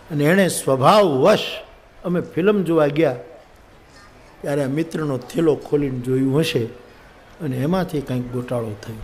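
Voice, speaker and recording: A man telling a religious story to a live audience, animated and jokey, acting out the dialogue. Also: fairly high pitch, slight background noise. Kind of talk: humorous live katha storytelling.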